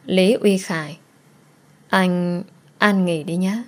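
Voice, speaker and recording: A woman voicing a grieving young mother who gently coaxes her daughter. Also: medium pitch, normal speed, close to an everyday voice.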